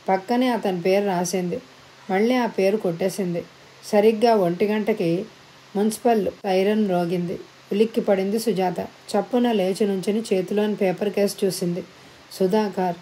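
A woman narrating an audiobook story with measured, dramatic phrasing. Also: mid-range voice, warm tone, slight background noise, low-quality recording.

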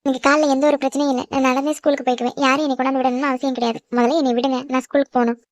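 A woman voicing a feisty, quick-tongued schoolgirl in a cartoon who protests and talks back. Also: high-pitched, little pitch movement, dry recording, natural voice. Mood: protesting. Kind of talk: cartoon voice acting.

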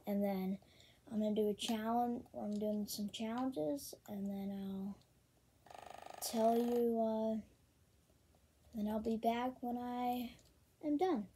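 A woman casually talking through a video game, with many ums and excited bursts over card pulls. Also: on the high side, takes it slowly, long pauses, a little hiss or hum. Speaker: gaming channel host. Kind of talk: casual gameplay commentary.

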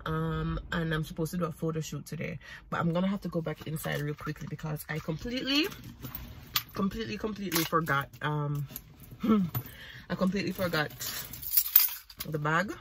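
A woman's voice: deep voice, normal speed. A young woman with a Jamaican accent chatting casually to her viewers while driving, rambling and poking fun at herself. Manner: chatty, rambling, self-mocking. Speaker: vlogger. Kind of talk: casual driving vlog chat. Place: inside a car. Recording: loud car and road noise.

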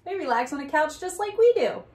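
A teacher with a high, sing-song voice reads a children's picture book aloud with asides, going a little fast in a darkish tone. She speaks straight to her young listeners, asking questions and tagging lines with "right?". The setting is a small indoor room, either at home or a classroom corner.

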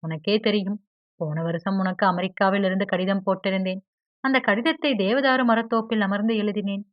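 A woman's voice: mid-range voice, fairly even intonation, brisk, no room sound, lightly acted. A woman voicing a hurt, proud young woman. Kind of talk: audiobook character dialogue. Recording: dry, slightly dull audio.

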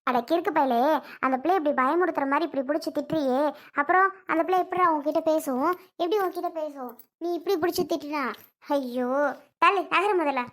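A woman's voice: sits high, a little fast, close to an everyday voice. A woman playing an older grandmother who scolds her son and sweetly coaxes her granddaughter. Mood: scolding.

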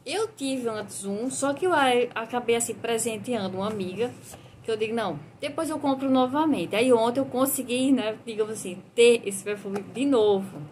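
A woman's voice: a little high, normal speed, darkish tone, a little hiss or hum. A woman with a Brazilian Portuguese accent hosting a live stream, chatting casually with viewers and reviewing perfumes with frequent tag questions.

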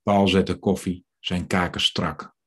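A man reading aloud from his novel in a measured, steady way. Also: deep voice, breathy edge. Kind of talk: literary reading.

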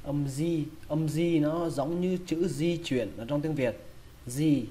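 A man's voice: on the high side, takes it slowly, warm tone. A man with a Vietnamese accent teaching English vocabulary, patiently repeating each word several times. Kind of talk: pronunciation lesson.

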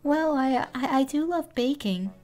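A man's voice: very high voice, lively intonation, measured pace, darkish tone, faint music behind, voice pushed up. A man using a voice changer to sound like a sweet, hesitant young woman, stammering through a prank call. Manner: hesitant, with many ums and stammers. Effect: voice changer making him sound like a young woman. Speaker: online creator baiting a scammer.

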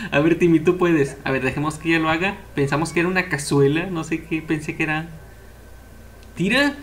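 An excitable young man chats through a game, his voice sitting a little high. He cheers the characters on in a casual let's-play style, with a faint hiss behind him. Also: moderate pace, pauses often. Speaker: gameplay commentator.

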